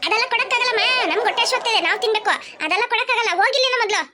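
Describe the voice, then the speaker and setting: A woman's voice: very high voice, rapid-fire, heavy background noise. A woman voicing a bossy adult male kidnapper in a cartoon, barking curt orders. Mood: stingy. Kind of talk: cartoon voice acting.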